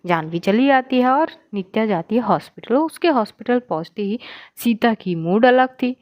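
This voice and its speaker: A woman's voice: on the high side, animated, normal speed, highs cut off. A woman narrating a love story in a chatty, conversational way, correcting herself as she goes.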